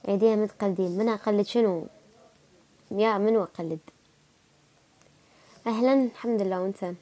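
Her mid-range voice is warm and fairly quick as she talks casually with her livestream audience and responds to their comments. She is a young woman with an Iraqi Arabic accent, and she's feeling sick.

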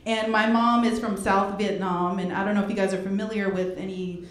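On a club stage with a handheld mic, a young woman delivers stand-up in a mid-range voice at a fairly quick clip. Animated, she laughs between jokes and does voices for her bits, while the roomy room echoes with crowd laughter.

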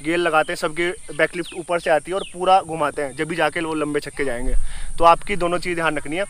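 A man's voice: on the high side, fairly even intonation, fast talker, fairly bright tone, slight background noise. A young man coaching cricket outdoors, talking straight to the camera while he demonstrates moves. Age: young adult. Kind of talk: instructional talk to camera.

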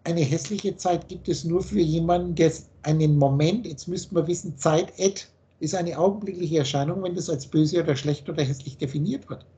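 A man's voice: a little high, normal speed, few pauses, warm tone. A man teaching in a video call, blunt and preachy, firing off rhetorical questions. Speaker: spiritual teacher.

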